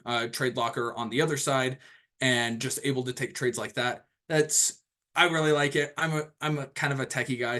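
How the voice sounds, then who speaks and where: A young man in his twenties introducing himself at the start of a group video call. His voice sits at a middling pitch, and his talk is loose and easygoing, full of ums and restarts. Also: a bit bright. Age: 20s. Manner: rambling, casual, lots of fillers and restarts. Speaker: host of an online training call.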